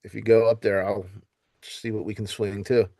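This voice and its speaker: A man's voice: fairly low pitch, flat delivery, normal speed, mellow. A middle-aged man chatting casually about coaching his son, rambling and laughing often. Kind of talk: casual conversation.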